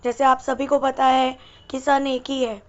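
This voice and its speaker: Woman grammar teacher, high voice, dull lo-fi recording, asks the class and answers herself. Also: little pitch movement, measured pace. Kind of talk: exam-prep English grammar lesson.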